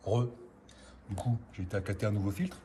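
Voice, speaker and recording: Man, lowish voice, chatty repair tutorial, garage, noisy background. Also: steady tone, brisk, warm tone. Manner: chatty, with lots of filler words. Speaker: amateur mechanic host. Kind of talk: casual how-to commentary.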